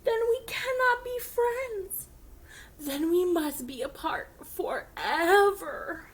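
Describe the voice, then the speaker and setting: A woman's voice: very high voice, pitched above the performer's own voice. A woman voicing a worried male elephant who keeps sneezing, reading a picture book aloud. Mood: fretful. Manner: fretful, halting, sneezy.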